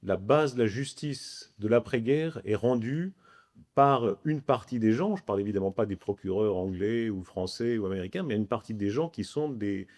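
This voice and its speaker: A man's voice: lowish voice, lively intonation, normal speed, darkish tone. A man moderating a panel debate, speaking articulately in long, winding, reflective sentences.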